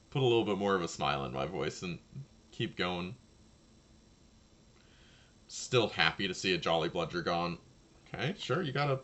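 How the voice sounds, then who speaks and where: Here a man with a low, slightly gravelly voice talks through his own card match in a relaxed way, musing to himself and addressing the player across from him. The tone comes across a bit bright.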